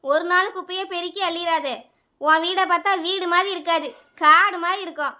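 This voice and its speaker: Woman putting on a squeaky bright kanyakumari tamil neighbour lady, always griping and scolding. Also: steady tone, fairly quick. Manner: shrill scolding, complaining. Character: fed-up adult woman neighbour, quarrelsome.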